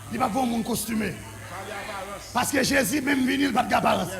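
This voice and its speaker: A male pastor with a Haitian French accent telling his story in a sermon, excited and often breaking into shouts. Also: very high voice, fairly quick, vocal fry. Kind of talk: preaching sermon testimony.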